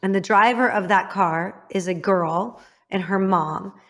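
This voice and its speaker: Speaking to a guest on her podcast, a woman from the US Midwest recounts something painful from her own life. She's candid but halting, and her voice drops low and gentle when it gets difficult.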